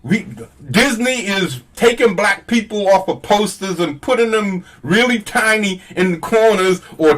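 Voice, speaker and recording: A man's voice: fairly high pitch, a bit bright. A man streaming live, talking casually to his viewers in an emphatic, repetitive, preachy way.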